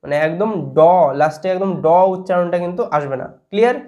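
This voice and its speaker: A man's voice: high-pitched, racing, darkish tone. A man with a Bengali accent teaching an English lesson in a video. He spells words out letter by letter and asks the viewer questions, then answers them himself.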